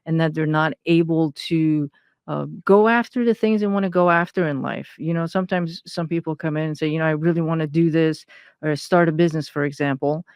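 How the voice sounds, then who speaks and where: Interview guest: woman from Iran, hesitant delivery, smooth tone, dry close recording. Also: sits low, fairly even intonation, fairly quick, darkish tone, no room sound. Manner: hesitant, many fillers and restarts. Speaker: guest, intuitive consultant. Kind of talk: personal interview talk.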